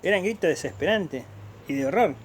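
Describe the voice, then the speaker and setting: A man's voice: on the high side, expressive, a little fast, slight background noise. An Argentine man telling a gaucho folk tale aloud, rambling with restarts and spoken sound effects. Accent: Argentine Spanish. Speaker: storyteller.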